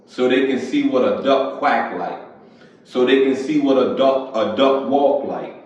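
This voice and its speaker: A man preaching casually as a pastor and podcast host, often clearing his throat and asking "you feel me". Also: mid-range voice, a little slow, a little mellow. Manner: conversational, repeats "you feel me". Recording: echoey, distant, dull lo-fi sound.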